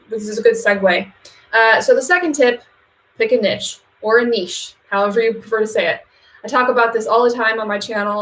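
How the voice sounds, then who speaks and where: A woman's voice: medium pitch, fairly bright tone, echoey room, slight background noise, low-quality recording. A woman who runs a social media agency, giving business advice straight to camera in a casual vlog, chatty and direct, with fillers and emphatic repetitions.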